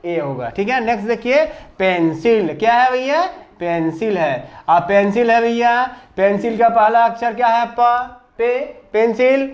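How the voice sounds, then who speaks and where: A man with a Hindi accent teaches a classroom lesson and keeps asking his pupils the same questions over and over. His voice sits high and he talks in an unhurried, measured way. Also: dull audio. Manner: call-and-response drilling, repeats questions to pupils. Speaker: English grammar teacher.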